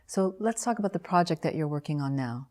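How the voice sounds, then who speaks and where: A woman professor hosting an interview, giving a formal introduction and then asking measured questions. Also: deep voice, lively intonation, warm tone. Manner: measured, formal, reads names and titles.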